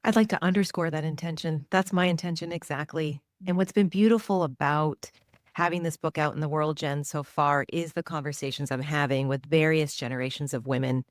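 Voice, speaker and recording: Low-voiced reflective woman in her forties. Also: fairly even intonation, a little fast, no room sound, clean studio sound. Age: 40s. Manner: reflective, earnest, emphatic. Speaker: journalist and author guest. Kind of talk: interview answers.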